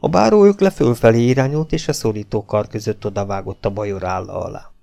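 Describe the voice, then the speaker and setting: A man narrating an audiobook in a steady, dramatic storytelling manner. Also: lowish voice, vocal fry. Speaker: audiobook reader.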